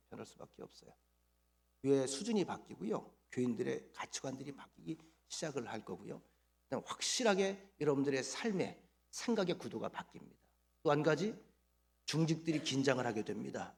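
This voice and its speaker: A man's voice: mid-range voice, lively intonation, fairly quick, gravelly. A man preaching a Sunday sermon as pastor, quizzing the congregation and having them repeat phrases.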